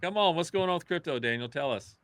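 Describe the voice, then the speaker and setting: A man's voice: a little high, expressive, fast talker, a bit bright, dry recording. Podcast host, man, wry sarcastic banter, dead-dry room. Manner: joking, sarcastic, laughs often. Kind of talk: casual podcast discussion.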